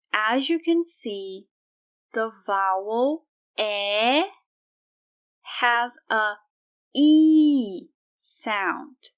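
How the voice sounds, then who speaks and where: A woman teaching pronunciation at a very slow, measured pace. She says each example word several times and pronounces it with care. Her voice sits a little high. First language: Brazilian Portuguese. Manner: repeats each word slowly and deliberately. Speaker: language teacher.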